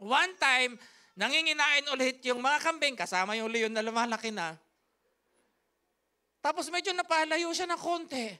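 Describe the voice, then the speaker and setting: Woman preaching at church, bright high voice, hammers the same words over and over. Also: expressive, moderate pace, long pauses. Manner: emphatic, repetitive, rhythmic phrasing. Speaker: pastor. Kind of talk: sermon storytelling. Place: church service.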